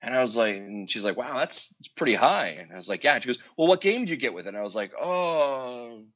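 A man's voice: fairly low pitch, very fast. A Canadian man on a podcast, telling a story and acting out the lines of a conversation. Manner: animated storyteller, acts out dialogue. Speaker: podcast co-host. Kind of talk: casual podcast chat. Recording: dull lo-fi audio.

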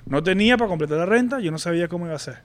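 A man's voice: sits high, expressive, racing. A man, co-hosting a casual podcast and candidly telling a personal story with many restarts and fillers. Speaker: podcast co-host. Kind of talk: casual chat.

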